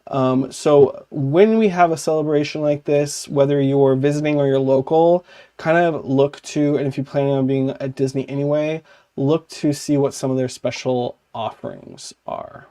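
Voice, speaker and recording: A man chats casually as a podcast co-host, with a voice of ordinary pitch. His talk wanders and leans on "like," and he often stops to fix what he just said. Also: moderate pace, warm tone, smooth. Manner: chatty and rambling, often saying "like" and correcting himself.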